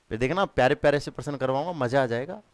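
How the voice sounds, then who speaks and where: A man's voice: mid-range voice, no room sound. A man teaching a maths lesson in a playful way. He repeats the rules, asks questions and answers them himself in his pupils' voices. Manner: playful, acts out students' replies himself.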